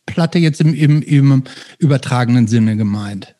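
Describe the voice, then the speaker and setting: Male co-host, warm dark tone, wry casual delivery. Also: medium pitch, unhurried. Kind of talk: casual interview.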